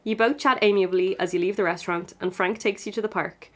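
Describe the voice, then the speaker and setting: A woman's voice: medium pitch, fairly even intonation, fast. Young woman, giggly podcast co-host, reads aloud with self-mocking asides. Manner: giggly, self-mocking, laughs often while reading. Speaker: guest co-host reading her old fanfic. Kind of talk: casual podcast chat and reading aloud.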